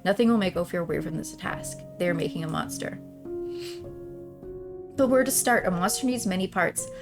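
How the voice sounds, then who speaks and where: A woman with a lowish, animated voice speaks at a moderate pace over background music. She's streaming a visual novel, alternating between reading the narration aloud and chatty, informal let's-play commentary, often trailing off mid-thought.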